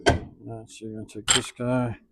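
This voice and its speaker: A man's voice: mid-range voice, flat delivery, a little fast, noisy background. A man giving a hands-on workshop demonstration, rambling and thinking aloud as he works, his voice drifting away from the mic. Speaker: equipment trainer.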